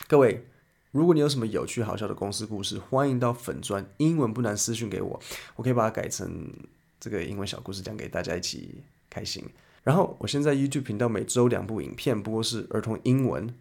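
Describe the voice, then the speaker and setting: A man hosts an English lesson podcast. He explains words in a chatty, lively way. His voice sits low and has a gravelly, fry-heavy texture. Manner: lively, chatty explainer who switches into English example sentences. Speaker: English teacher and podcast host.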